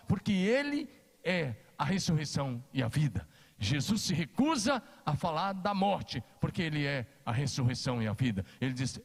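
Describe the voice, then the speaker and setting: A man's voice: high voice, big-room sound. A Brazilian man preaching a sermon as pastor, emphatic and repeating his key phrases. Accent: Brazilian Portuguese. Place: church hall.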